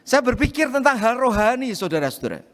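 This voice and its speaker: A male pastor preaching a sermon, telling a personal story in an animated way and often addressing the congregation directly. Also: extremely high pitch, quick pace, in a large hall.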